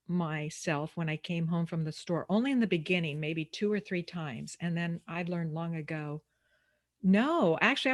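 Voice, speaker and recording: A woman hosting a casual interview, chatty, with many fillers and playful asides. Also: lowish voice. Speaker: interview host.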